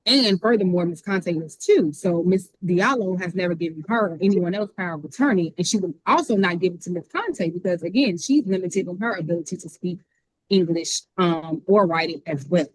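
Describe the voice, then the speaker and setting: A woman attorney makes her case in a remote hearing, rattling off her points at speed. Her voice sits a little low and comes through husky. The sound is dry, with no room echo at all. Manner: fast-talking. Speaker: defense attorney. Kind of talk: courtroom argument. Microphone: video call.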